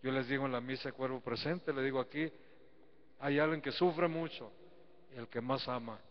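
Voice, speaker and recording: A man's voice: mid-range voice, normal speed. Male priest, folksy sermon, calls for congregation replies, dull lo-fi stream with a long church reverb. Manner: asks rhetorical questions and calls for congregation replies; folksy, teasing preaching. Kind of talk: sermon and prayer at Mass. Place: church sanctuary.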